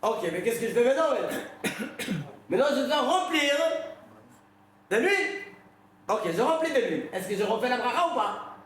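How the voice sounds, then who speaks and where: A man's voice: very high voice, very animated, moderate pace, pauses often, fairly bright tone. A man, a rabbi, giving an informal religious lesson, telling stories and putting questions to his listeners. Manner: conversational storytelling, questions the audience. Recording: very echoey room.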